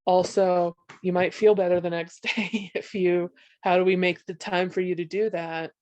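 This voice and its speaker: A woman's voice: lowish voice, flat delivery, moderate pace, darkish tone, lo-fi sound. A woman, a behavioral health specialist, talks through ideas in a loose, rambling way, full of restarts and "right?" tags, with a congested voice. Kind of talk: conversational panel discussion.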